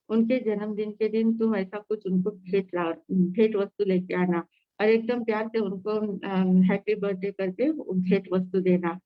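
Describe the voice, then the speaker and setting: A woman's voice: mid-range voice, no echo, lo-fi sound. A woman giving a sermon over an online call, telling a story with many fillers and restarts. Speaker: Jain nun teaching scripture. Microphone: online video call.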